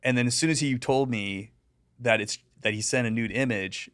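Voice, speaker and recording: A man's voice: medium pitch, moderate pace. A middle-aged American man, a deputy and digital safety educator, telling stories casually in an interview, full of fillers and acting out the people he quotes. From United States. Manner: animated, lots of fillers, acts out quoted people.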